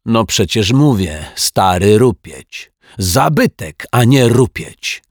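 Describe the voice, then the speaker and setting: A man voicing a smug, sneering villain in a children's audiobook, with a mocking, drawn-out delivery. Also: on the low side, big pitch swings, no room sound, clean studio sound, voice pushed up, full character voice. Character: sneering pale male lout, smug villain.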